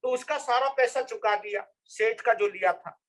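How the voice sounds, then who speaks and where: A monk tells a long moral story in a sermon, often repeating his phrases for emphasis. His voice sits very high for a man. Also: normal speed, a bit bright, rough recording. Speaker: Jain monk.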